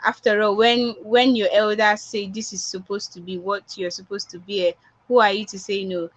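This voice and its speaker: In a mid-range voice with flat delivery and normal speed, a Nigerian-accented woman gives a motivational talk online as a public speaking coach. She repeats points to drive them home, captured in dull, lo-fi online audio.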